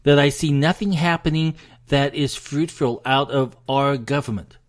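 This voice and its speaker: An American man delivers a solo political rant in a somewhat high voice. He speaks emphatically and with open frustration, addressing his listeners directly. At times he sounds short of breath. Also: steady tone, normal speed. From United States. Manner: frustrated, emphatic ranting to the audience. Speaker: political commentary host.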